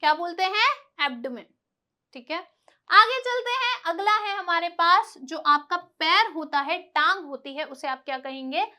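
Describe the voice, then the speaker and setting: A woman's voice: very high voice, normal speed, sharp tone. A woman teaching a vocabulary lesson, patiently explaining and drilling by asking her own questions and answering them. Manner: explains patiently, stressing pronunciation.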